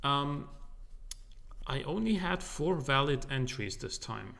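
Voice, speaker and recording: A man's voice: medium pitch, expressive, slow pace, creaky, fairly bright tone. A man streaming a game in loose, rambling casual commentary, his voice echoing in a large, empty living room. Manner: rambling, loose and joking, with many fillers. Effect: echo from a large empty room.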